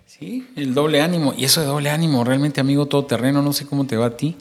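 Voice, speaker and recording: A man's voice: fairly high pitch, fairly even intonation, fast. Middle-aged male host, preachy. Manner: preachy, addresses listener directly, acts out little quotes.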